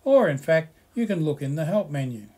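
A man with a somewhat higher-pitched voice talks through a software slideshow tutorial. He reads the slides aloud in a relaxed, explanatory way and adds friendly asides. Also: a little fast, breathy edge.

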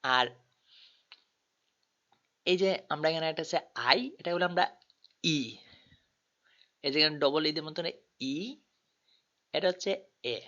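A man's voice: on the high side, normal speed, long pauses, bright, forceful tone. A man teaching a tutorial, patiently spelling out letters one by one. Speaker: language tutor. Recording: dull lo-fi recording.

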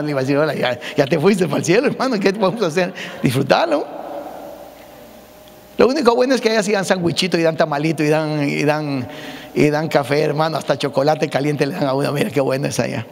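Pastor preaching a humorous sermon; high, raspy-edged male voice, big reverberant sanctuary. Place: church sanctuary. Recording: long church hall reverb.

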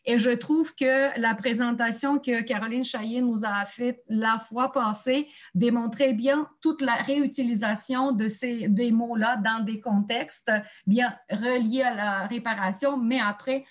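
Higher-voiced woman hosting a teachers' meeting. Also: fairly even intonation, measured pace, few pauses. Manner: explanatory, searching for words. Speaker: host of a teachers' community meeting. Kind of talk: online meeting presentation.

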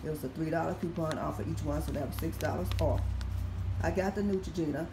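This raspy-voiced woman in her fifties talks fast in a deep voice, though she stays methodical as she reads prices off receipts. A couponing vlogger recovering from surgery, she's doing a casual product haul walkthrough. It's captured on a phone camera held over the items in an echoey room at home with faint background noise.

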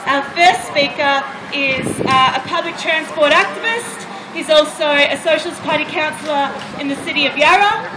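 A woman's voice: high-pitched, normal speed, few pauses. A young woman speaking at an outdoor protest rally, hesitant with many fillers, recorded from a distance on a city street. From Australia. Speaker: rally organiser. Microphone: far camera. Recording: roomy street sound, crowd and traffic noise.

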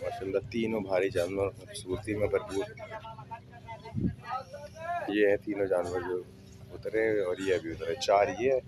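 A man's voice: deep voice, steady tone, measured pace, long pauses, crowd noise. A man vlogging outdoors at a cattle market, chatting to viewers in a casual, admiring way. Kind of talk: casual live commentary. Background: animals, vehicles and street noise.

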